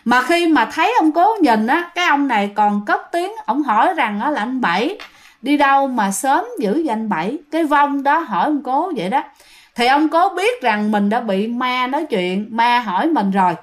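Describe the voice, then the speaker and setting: A woman's voice: high-pitched, lively intonation, moderate pace. Chatty Southern Vietnamese woman storyteller. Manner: chatty, addresses listeners directly. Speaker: ghost story narrator. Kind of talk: casual storytelling to listeners.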